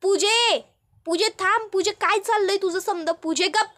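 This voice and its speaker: Here is a woman acting as a flustered village mother from a retold serial. She scolds in a very high, shrill voice, full of rustic calls and pleas to stop. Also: measured pace, a bit bright. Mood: alarmed.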